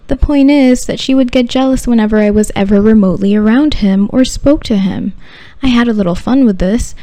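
Woman, podcast narrator, sultry tone, soft mellow timbre, arch wry phrasing, scripted storytelling, very dry recording. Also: medium pitch, no echo. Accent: no discernible regional accent. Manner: sultry delivery. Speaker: podcast host.

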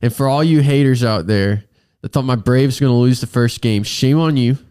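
A man's voice: medium pitch, moderate pace, dark tone, smooth, no echo. An American man hosting a casual, joking talk podcast with a froggy, congested voice from a sinus infection, speaking in an emphatic, self-deprecating way. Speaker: podcast host.

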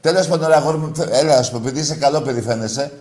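A male radio sports host needling a caller in call-in banter, teasing and quick to get heated. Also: medium pitch, a little mellow.

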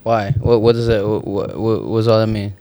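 A man co-hosts a podcast, firing off quick, incredulous follow-up questions. His voice sits somewhat low. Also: fairly even intonation, mellow. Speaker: podcast co-host. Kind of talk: casual chat.

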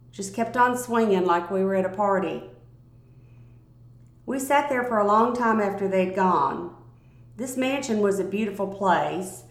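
A woman narrating a first-person story aloud in a calm, measured reading voice. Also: medium pitch. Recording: roomy, echoey recording.

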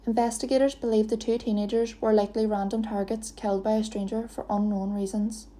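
A woman narrates a true-crime podcast from a script. Her voice is deeply mellow and dark, and her pitch stays flat and level throughout. The reading is steady and even. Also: a little fast. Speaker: podcast host.

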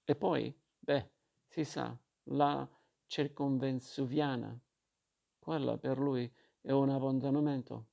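A man's voice: medium pitch, steady tone, slow pace, gravelly, lo-fi sound. A man reading as a bored, mocking grown man. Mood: ironic. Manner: drawling, ironic.

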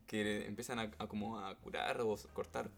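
A young man with a Chilean accent, a guest on a casual podcast, calmly explaining step by step what happened to him. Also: on the low side, moderate pace, creaky, faint music behind. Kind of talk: casual storytelling chat.

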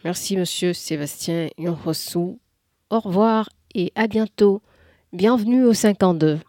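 A woman's voice: lowish voice, measured pace, dark tone, no echo, studio quality. A woman hosting a radio call-in show, taking calls and asking short follow-up questions.

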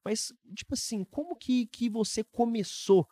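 A man in his early twenties with a Brazilian Portuguese accent, hosting a podcast in casual, animated, slangy chat. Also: very high voice, a little slow, no room sound, clean studio sound. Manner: animated, informal, heavy use of slang. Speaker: podcast host.

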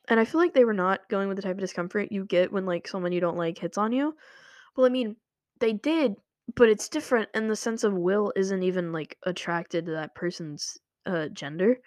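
Recorded in studio quality with no room sound, a young woman with a mid-range voice rambles casually to her viewers, full of filler words. She's a vlogger offering casual commentary from a room at home where water runs nearby.

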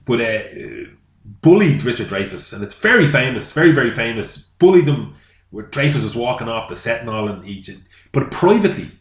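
A man's voice: medium pitch, very animated, brisk. A man from Ireland co-hosting a casual film chat, telling stories that trail off mid-sentence. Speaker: podcast co-host. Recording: echoey room.

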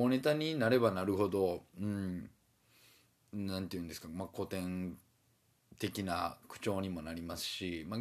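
A man with a Kansai accent and a low voice talks on his own in a loose, casual way. He drifts from thought to thought and fills his pauses with many small hesitations. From Osaka. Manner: meandering, many fillers and hesitations. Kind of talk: casual solo talk.

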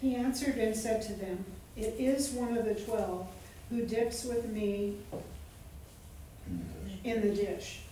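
Woman reading scripture out loud, mellow voice, far from the mic in a really echoey room. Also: on the high side, fairly even intonation, slow pace, long pauses, a little hiss or hum. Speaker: Bible study participant reading aloud.

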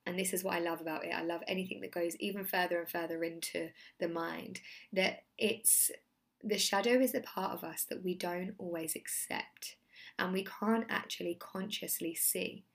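A woman hosting a solo self-help podcast in a casual, effusive and earnest way, her voice hoarse and giving out as if she has nearly lost it. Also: fairly low pitch, fairly even intonation, moderate pace. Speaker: podcast host and mindset coach.

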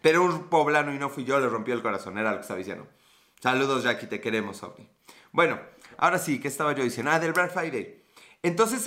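Bright-voiced joking Mexican man. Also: fairly high pitch. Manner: joking, slangy, rambling, laughs often. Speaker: live streamer reading chat. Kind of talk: casual comedic live chat.

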